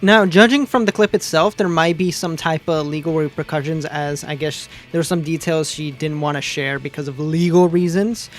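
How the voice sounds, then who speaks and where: A man's voice: on the high side, fairly even intonation, normal speed, hardly any pauses, faint music behind. Sarcastic man hosting online news. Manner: laid-back, sarcastic, conversational. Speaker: news commentary host. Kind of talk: casual online news commentary.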